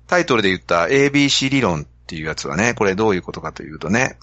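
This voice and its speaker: Lively Kansai man explaining on a podcast. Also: fairly low pitch, very fast, dry recording, muffled recording. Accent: Kansai Japanese. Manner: animated storytelling, explaining a business idea. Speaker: podcast host. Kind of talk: casual podcast talk.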